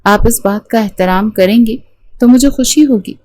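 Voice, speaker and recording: A woman's voice: a little high, normal speed, a little mellow, close to an everyday voice. A woman voicing a young husband in a romance storybook, tender yet firm in how he lectures. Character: young husband, loving but stern.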